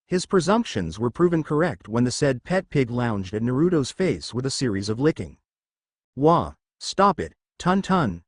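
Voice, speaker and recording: Male storyteller with lively pitch. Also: dry recording, studio quality. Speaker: narrator. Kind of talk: scripted fan-fiction narration.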